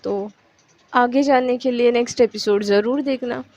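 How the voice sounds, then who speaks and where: A woman's voice: fairly high pitch, steady tone, moderate pace, a little mellow, muffled recording. A woman casually narrating a romantic story, conversational, with fillers.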